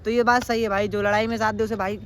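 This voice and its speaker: A man's voice: high voice, level tone, quick pace, fairly bright tone. A teenage boy chatting crudely in an unfiltered vlog, talking outdoors at night into a phone camera. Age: teens. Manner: crude, slangy, rambling banter. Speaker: vlogger. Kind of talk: casual unfiltered vlog chat.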